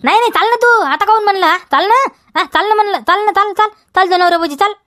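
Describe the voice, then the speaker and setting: A woman's voice: very high voice, fast, bright, forceful tone, dry recording, clean studio sound. Woman playing a nagging village farmer. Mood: insistent. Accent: Vidarbha Marathi. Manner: nagging, repeats demands, keeps tagging "हा?". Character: scolding village farmer man guarding his field. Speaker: comedy sketch actor. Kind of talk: village comedy sketch.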